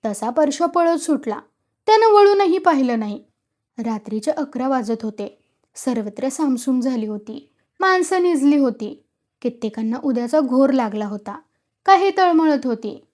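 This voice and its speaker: Woman storyteller, high pitched voice, reads a village tale, gets louder and higher for the quarrels. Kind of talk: audiobook story narration.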